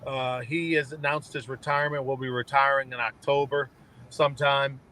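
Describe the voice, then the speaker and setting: A man's voice: mid-range voice, little pitch movement, moderate pace, pushed and bright, rough recording. A man co-hosting a casual sports talk show, rambling conversationally with frequent restarts.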